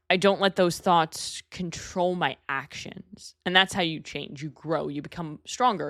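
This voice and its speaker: A woman in her thirties from New York talks through her own podcast in a low, candid voice, chatty and a little self-deprecating. The sound is dry and close, with no room behind it. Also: fairly bright tone, dry recording. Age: 30s. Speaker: podcast host. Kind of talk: solo podcast talk.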